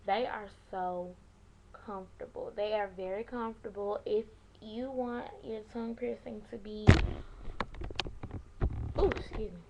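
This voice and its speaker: Gravelly-voiced young woman chatting casually. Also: medium pitch, steady tone, unhurried, pauses often, very noisy. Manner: informal, slangy, wandering, easily sidetracked. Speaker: vlogger sharing piercing aftercare advice. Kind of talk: casual rambling chat to camera.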